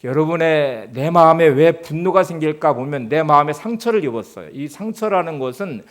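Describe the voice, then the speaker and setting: A male pastor delivering a Sunday sermon in a calm, explanatory way, voicing the listener's inner questions as he teaches. His voice sits a little higher than most men's. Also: moderate pace. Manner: calm, explanatory preaching with rhetorical self-questions.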